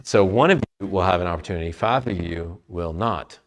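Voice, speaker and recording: A man leading a trivia game for a church youth group, talking playfully and sometimes loud. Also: low voice, fairly quick, gravelly. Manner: playful, lively, loud at times.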